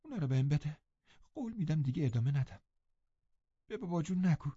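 A man's voice: fairly high pitch, sing-song, dark tone, husky, dry recording, dull audio, pitched above the performer's own voice. A man voicing a distraught teenage girl who pleads breathlessly between sobs, in an audiobook reading. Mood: pleading.

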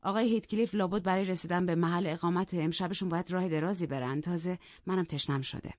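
A woman voicing a polite, strained gentleman who speaks courteously with a slightly raised voice, in a dull, lo-fi recording. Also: fairly low pitch, no echo, close to an everyday voice. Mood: strained politeness. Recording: dull lo-fi, dry.

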